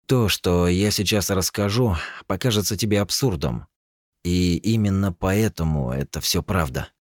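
A man's voice: deep voice, expressive, fairly quick, no echo, clean studio sound, pitched above the performer's own voice. A man voicing a guilt-ridden male scientist in an audiobook, who speaks hesitantly and pleads.

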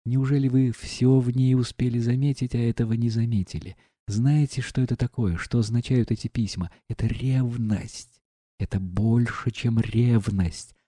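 Мужик читает за гордую молодую барыню, взволнованная, упрекает, голос тёмный мягкий. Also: male voice, medium pitch, fairly even intonation, normal speed, dark tone, no room sound, clean studio sound, close to an everyday voice. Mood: reproachful. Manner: agitated, reproachful questioning. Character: proud passionate young noblewoman.

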